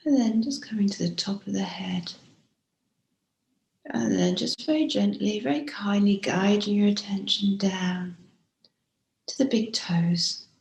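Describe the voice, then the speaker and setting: Gentle and soft-spoken, a woman teaches a body scan meditation at an unhurried pace. Her voice sits in the mid-range, her phrases trail off breathily, and she pauses frequently; the recording has a roomy echo.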